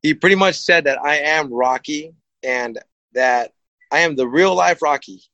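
Rambling, animated boxer telling stories. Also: male voice, a little high, measured pace, no room sound, muffled recording. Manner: rambling and animated, repeats himself. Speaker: boxer guest. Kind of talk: casual storytelling. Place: studio set, live stream.

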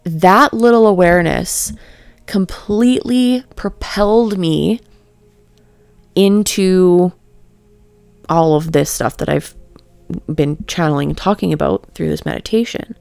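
Woman, spiritual reflection, very slow, gravelly fry, calm near monotone, halting with fillers. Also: lowish voice, no room sound. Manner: halting, searching for words, many fillers. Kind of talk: reflective spoken meditation talk.

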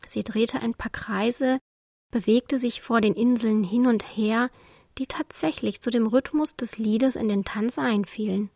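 Female storybook narrator, higher pitch, dry close sound, calm and expressive. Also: measured pace, creaky, no room sound. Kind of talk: storybook reading for children.

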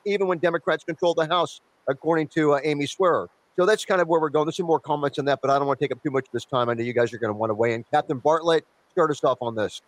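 A man's voice: a little high, no room sound. A man hosting a live talk radio show, reading news items aloud and rambling with lots of fillers. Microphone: studio microphone.

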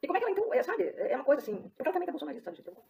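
A woman's voice: sits high, big pitch swings, racing, vocal fry, mellow. A middle-aged woman hosting a live stream, giving a confessional personal testimony and often checking in with her viewers. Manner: confessional, talks straight to viewers with tag questions.

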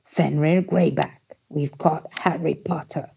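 A man voicing a gruff, menacing male werewolf with a rasping voice. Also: a little high, steady tone, slow pace, a little mellow, dull audio, pitched above the performer's own voice, exaggerated voice. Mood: resentful.

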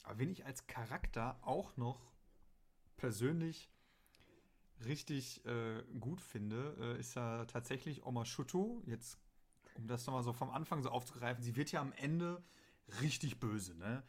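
A man talking in a loose, rambling way, filling his sentences with ums and ahs. He chats casually about a radio play. Now and then he slips into quick acted quotes. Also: mid-range voice, lively intonation. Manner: rambling, many fillers, acts out quotes. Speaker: podcast co-host.

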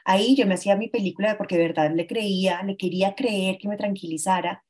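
A woman in her forties, a guest telling a painful personal story in an earnest, halting way, often restarting her sentences. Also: mid-range voice, steady tone, darkish tone. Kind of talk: emotional personal account.

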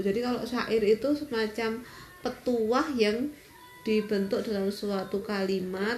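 A woman's voice: medium pitch, a little mellow. Woman, 40s, patient step-by-step explainer, informal answers, roomy echo. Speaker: interviewed mother explaining a school lesson.

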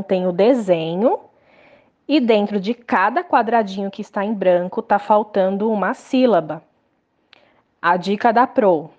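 A woman teacher, speaking slowly and patiently to young children in a lesson podcast. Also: mid-range voice, a little mellow, dull audio. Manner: slow, patient, sing-song explaining to young children.

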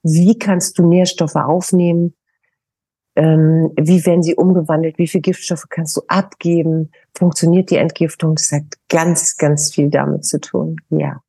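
A woman's voice: deep voice, flat delivery, unhurried, gravelly, dark tone, breathy edge, no echo. A middle-aged woman, a naturopath guest, giving emphatic, coaxing advice in a podcast interview.

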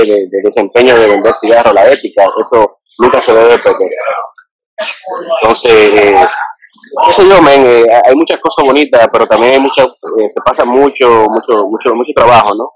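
A man's voice: mid-range voice, low-quality recording. A man with a Dominican Spanish accent, a podcast guest from the cigar trade, talking earnestly with lots of fillers and restarts. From Dominican Republic. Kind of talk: podcast conversation.

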